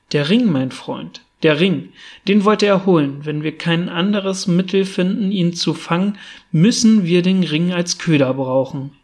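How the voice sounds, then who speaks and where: A man reading the part of a brisk, sharp-witted male detective who talks impatiently and commandingly, in an audiobook reading. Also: high-pitched.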